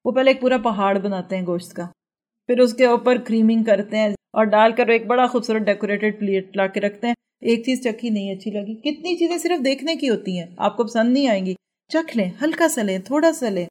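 A woman's voice: fairly high pitch, darkish tone. Urdu-speaking woman giving a religious lecture. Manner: earnest, rhetorical questions to the audience. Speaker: religious teacher.

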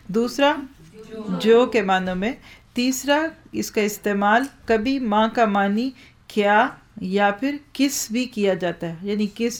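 A woman teaching a religious lesson on Quranic Arabic grammar, explaining step by step, asking the class questions and reciting verses slowly. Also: medium pitch.

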